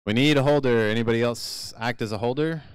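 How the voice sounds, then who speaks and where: A man announces a live bicycle race with a very clear, ringing voice and a dry, close sound. He mixes play-by-play with light jokes and asides in a relaxed, playful manner. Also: medium pitch, fast talker, no echo. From Kentucky. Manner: jokey, playful asides between race calls. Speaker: track announcer. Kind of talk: live race commentary over PA.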